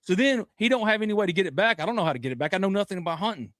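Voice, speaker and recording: A man in his thirties, a podcast guest telling loud animated stories in casual chat, laughing often. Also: high-pitched, racing, dry recording, studio quality. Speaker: podcast guest, sports commentator.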